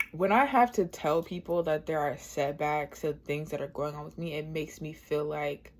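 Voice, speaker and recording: A young American woman with a low voice grumbles through a casual, rambling story, swearing freely. She talks with her mouth full as she eats. There is noticeable noise and room ambience behind her. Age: 20s. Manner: talking with mouth full while eating a sandwich. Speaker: vlogger. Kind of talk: casual storytelling while eating.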